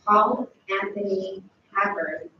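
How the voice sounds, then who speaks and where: Slow woman reading names in an echoey hall. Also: medium pitch, highs cut off. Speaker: court clerk reading names. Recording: echoey hall, far from mic, noisy.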